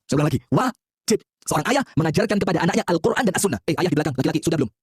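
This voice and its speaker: Husky high-voiced preacher, jokey, keeps quizzing the crowd, dry sound. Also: male voice, animated, racing, a little mellow, no echo. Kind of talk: lively sermon with call-and-response.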